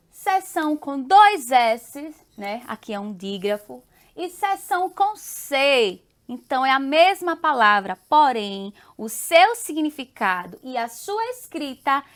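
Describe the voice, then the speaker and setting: A woman from Brazil gives a remote lesson in a high, bright-toned voice. She speaks slowly and patiently, checking in with her students again and again. She repeats each example word carefully, so every one comes through clearly. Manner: warm, affectionate, frequent tag questions. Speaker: teacher.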